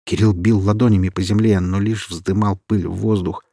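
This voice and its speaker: A man narrating a scripted horror story in a measured, grim manner. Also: deep voice, fairly even intonation, dark tone, dry recording, clean studio sound.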